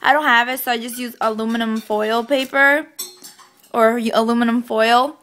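Teen girl vlogger, casual rambling chat, slightly high voice. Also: fairly even intonation, moderate pace, fairly bright tone, slight background noise. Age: teens. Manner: chatty, rambling with many "like" fillers. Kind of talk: casual daily vlog.

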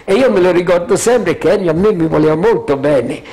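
A man's voice: high voice, brisk. An older man telling his memories in a loose, rambling way, often checking that listeners follow. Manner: freewheeling, keeps asking "capito?"; animated storyteller, chuckles often. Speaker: witness sharing memories. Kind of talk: rambling spoken recollection.

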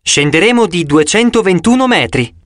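A man's voice: on the high side, very animated, moderate pace, a bit bright, dry recording, clean studio sound. A man voicing a cheerful, slightly mysterious female park ranger leading a tour in an audiobook. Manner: chirpy, announcing to a group. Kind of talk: audiobook character voice.

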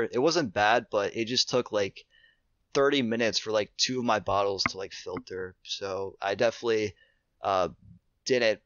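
Young man, low voice, halting, lots of fillers, dry lo-fi recording. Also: fairly bright tone, no echo. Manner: hesitant, many fillers and restarts. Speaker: podcast guest, thru-hiker. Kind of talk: casual interview chat. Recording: dull lo-fi remote audio.

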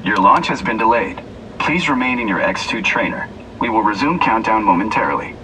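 A man voicing a calm mission control officer, heard as a sci-fi communicator over a ride cabin speaker, making measured official announcements. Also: lowish voice. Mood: steady. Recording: distant ride speaker with clear cabin noise.

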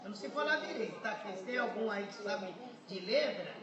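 A woman in her seventies from Brazil with a Brazilian Portuguese accent, giving an emotional church testimony in a lively, humorous storytelling manner. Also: medium pitch, brisk, muffled recording, a loud crowd. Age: 70s. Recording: echoey hall, distant mic, noisy.

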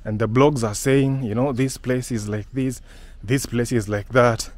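A man's voice: medium pitch, measured pace, dry recording. A man with a Kenyan accent, talking casually and laughing often while he walks a residential street and films on a phone. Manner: lively, mixes English and Swahili, laughs often. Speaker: vlogger and house-hunting guide. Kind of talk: casual walking vlog.

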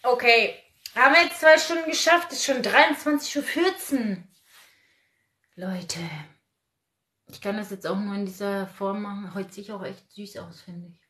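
A woman's voice: mid-range voice, normal speed, pushed and bright. A woman in her forties hosting a casual livestream, outspoken and ranting while reading out viewer comments. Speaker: livestream host.

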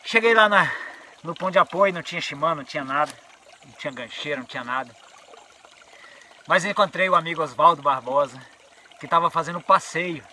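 A Brazilian man tells a story in a casual vlog recorded outdoors on a trail. His voice sits a little high and sounds bright and tense, and he mimics the people in his story. A faint trickle of water runs behind him. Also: fast talker, pauses often, a little hiss or hum. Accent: Brazilian Portuguese. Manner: lively storyteller who acts out what people said. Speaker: mountain biker vlogger.

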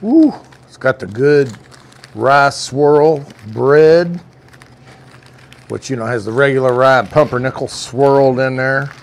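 A man's voice: medium pitch, slow pace, gravelly. A man, chatting casually as he reviews food in a deli, folksy and savoring each bite. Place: indoor deli dining room.

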